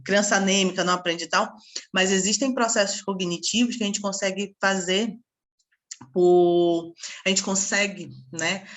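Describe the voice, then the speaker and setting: A woman teaching a casual online class, a lively storyteller who acts out her conversations with parents. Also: mid-range voice. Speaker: psychopedagogy teacher.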